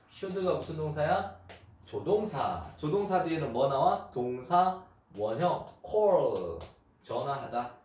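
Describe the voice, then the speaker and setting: A man teaching English grammar to children, explaining step by step and repeating example phrases slowly. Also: on the high side, a little mellow. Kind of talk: unedited grammar lesson for children. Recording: echoey room, mic far off, faint noise.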